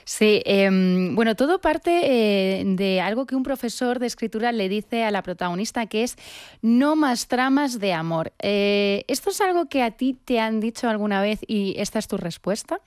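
A woman's voice: mid-range voice, expressive, normal speed, darkish tone, dry recording. Woman radio host, dry studio sound. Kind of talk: radio interview.

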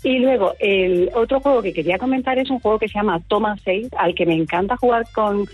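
A woman from Murcia calling in to a radio show, chatting quickly and a little nervously. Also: mid-range voice, husky, no echo, soft background music. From Murcia, Spain. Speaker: radio caller. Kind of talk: phone-in chat. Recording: muffled phone-in line.

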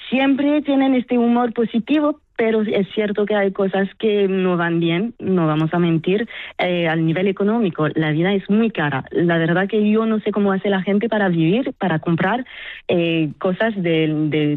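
A woman's voice: medium pitch, moderate pace, no room sound. French-born woman on a tinny phone line. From France. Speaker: festival producer. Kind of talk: radio interview guest.

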